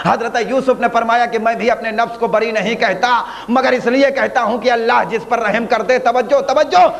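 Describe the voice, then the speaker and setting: A man preaching a majlis sermon, his voice very high and gravelly. He stresses his points emphatically and keeps calling the crowd to attention. The old recording rings with the long reverb of a large hall. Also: steady tone. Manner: emphatic, often calls for attention.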